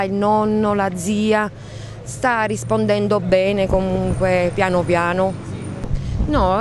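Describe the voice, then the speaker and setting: A middle-aged to older woman gives an unscripted street interview as a grandmother. Her voice sits at an ordinary pitch for a woman. She is outdoors at reporters' microphones, with clear city traffic noise around her. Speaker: grandmother giving a press interview. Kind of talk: spontaneous street interview answers. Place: outdoors on a busy street by a hospital gate. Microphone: reporters' handheld microphones.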